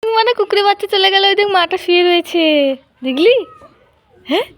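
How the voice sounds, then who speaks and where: A woman's voice: extremely high pitch, fairly quick, no room sound. A woman vlogging at home, coaxing and playfully talking to a small child in a sing-song way. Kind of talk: casual home vlog talk to a small child.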